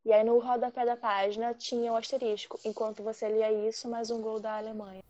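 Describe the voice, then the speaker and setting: A woman from Rio de Janeiro, telling a personal story in a lively, animated way and acting out the quotes. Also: fairly high pitch, fairly quick, dull audio, a little hiss or hum. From Rio de Janeiro, Brazil. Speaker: guest storyteller.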